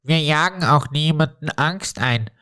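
A woman voicing a humble, gentle male donkey in a children's Christmas story, speaking meekly and sorrowfully. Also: deep voice, expressive, a little slow, pitched below the performer's own voice. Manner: meek and sorrowful.

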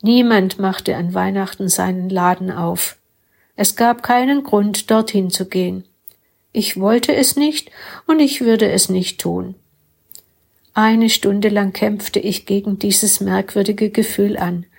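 Husky woman reading a story. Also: medium pitch, slow pace. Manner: calm, steady narration. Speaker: story reader. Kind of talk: first-person storybook reading.

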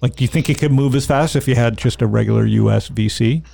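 A man's voice: mid-range voice, fast talker, gravelly, mellow. A man interviewing in a casual, opinionated way, often repeating short phrases. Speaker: interviewer and investor.

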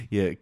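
A podcast host with a mellow voice chats casually, laid-back and rambling, using lots of fillers. The recording is dry.

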